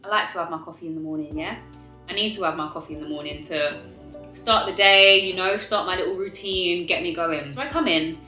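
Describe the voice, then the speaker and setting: A young woman telling a story to viewers in a casual, animated, emphatic way, with exasperated rhetorical questions and drawn-out words. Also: fairly low pitch, echoey room, soft background music. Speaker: storytime vlogger eating on camera.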